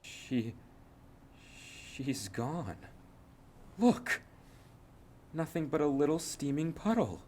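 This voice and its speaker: A woman's voice: low voice, big pitch swings, takes it slowly, pauses often, darkish tone, full character voice. A teenage girl playing a devoted, emotional tin man in a stage play, earnest and theatrical, on a noisy recording. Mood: awed. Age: teens. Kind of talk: high school stage play acting.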